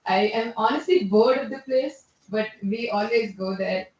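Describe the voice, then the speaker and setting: A woman's voice: on the high side, normal speed, a little mellow. A woman hosting a club meeting, chatty and teasing as she calls on people. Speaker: meeting host. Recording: echoey room, far from dull mic.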